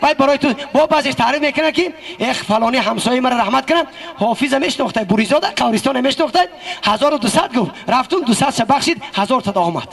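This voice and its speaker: A Tajik-accented man preaches with fiery, scolding fervor, his bright, piercing voice climbing high. He sounds far from the mic, in a hall with a long echo. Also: creaky. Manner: impassioned, scolding, rising to shouts. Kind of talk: sermon with a told story.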